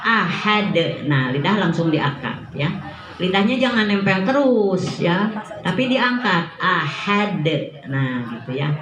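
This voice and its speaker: A middle-aged woman teaching Quran recitation rules to a women's study group, patiently demonstrating readings slowly and chuckling often. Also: fairly low pitch, lively intonation, a crowd in the background. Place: study-group room indoors. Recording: echoey room.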